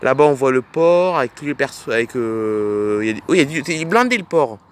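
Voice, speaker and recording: A man's voice: medium pitch, sing-song, fairly quick. A man narrating a playful toy film as a dad, pointing things out to the kids with enthusiasm.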